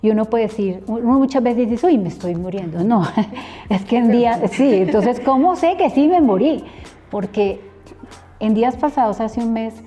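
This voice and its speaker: Woman, middle-aged, preacher's testimony, acts out remembered dialogue, warm tone. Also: a little high, expressive, normal speed, faint music behind. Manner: earnest storytelling, acting out remembered dialogue. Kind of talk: personal testimony interview.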